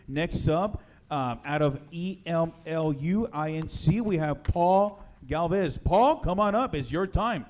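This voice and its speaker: A man's voice: fairly high pitch, a little mellow, a little hiss or hum. A man acting as event host, announcing to a room at a live event.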